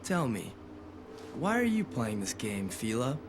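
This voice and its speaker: Slow, sullen young gamer. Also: male voice, medium pitch, sing-song. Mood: curt. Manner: curt, guarded. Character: terse, sullen, impatient young male game player. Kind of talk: English video game voice acting. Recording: clearly noisy game audio with ambience.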